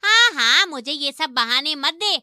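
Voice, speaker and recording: A shrill, bossy cartoon mother-in-law, played by a woman, sneering and domineering. Her voice sits high and rings very bright and sharp. It sounds dry and close, with no room around it. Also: lively intonation, a little slow, no echo, exaggerated voice. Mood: scolding. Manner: taunting, domineering. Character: harsh scolding middle-aged mother-in-law. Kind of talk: animated story voice acting.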